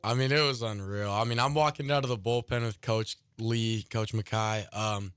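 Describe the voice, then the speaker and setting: Teen baseball guy rambling with lots of likes, smooth lowish voice, dry studio sound. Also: steady tone, moderate pace, fairly bright tone, no echo, faint music behind. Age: late teens. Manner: rambling, many "like" and "I mean" fillers. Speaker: high school baseball pitcher. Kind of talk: casual storytelling interview. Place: radio studio.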